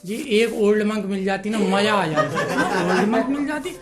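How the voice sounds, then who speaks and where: A man's voice: high voice, normal speed, over loud music, natural voice. A man voicing a drunk, boastful brother-in-law in a stand-up routine. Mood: drunk bragging.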